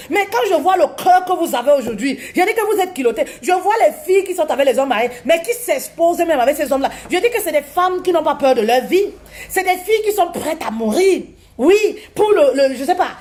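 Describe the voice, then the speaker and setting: A woman relationship coach giving casual advice talk in an animated way, laughing often and calling listeners "maman". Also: very high voice.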